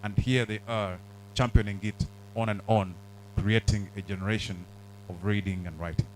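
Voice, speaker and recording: A man hosts an event with a fairly low voice, speaking deliberately and pausing on fillers. A faint hum sits under the recording. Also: steady tone, a little mellow, poor audio. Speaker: host. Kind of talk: hosting an event.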